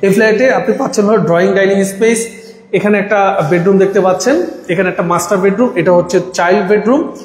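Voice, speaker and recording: Man with a high voice in heavy echo. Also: quick pace. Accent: Bangladeshi Bengali. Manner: salesy, pointing things out. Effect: heavy echo of a bare room. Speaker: property tour host. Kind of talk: live walkthrough commentary. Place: empty apartment indoors. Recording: echoey empty flat.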